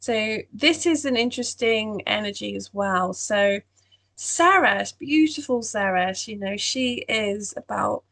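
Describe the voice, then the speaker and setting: A woman's voice: medium pitch, slow, vocal fry, a bit bright. A woman giving a meandering spiritual astrology talk, full of "you know" fillers. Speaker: astrology channel host.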